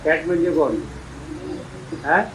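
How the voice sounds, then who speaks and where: A man playfully quizzing schoolchildren, coaxing and teasing them and urging them to speak louder. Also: fairly high pitch, takes it slowly, a little hiss or hum, poor audio. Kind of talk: playful classroom questioning.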